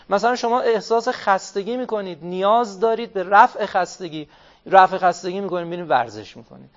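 A man giving an interactive religious talk, asking his listeners questions, answering them himself and drawing out key phrases slowly. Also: high voice. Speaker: religious speaker. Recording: dull lo-fi recording.

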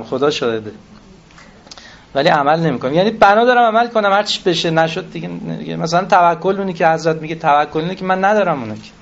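A man's voice: on the high side, gravelly, slight background noise. A man giving a religious lecture, reciting scripture and explaining it in everyday speech, asking the audience questions. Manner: self-deprecating, addresses audience with questions. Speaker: cleric lecturer. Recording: dull lo-fi recording.

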